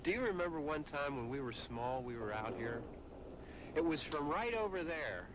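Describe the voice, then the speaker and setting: A man's voice: on the high side, sing-song, normal speed, crowd noise, rough recording. An actor playing a teasing young man who mocks his frightened sister, from an old film soundtrack. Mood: reminiscing. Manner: mocking, taunting.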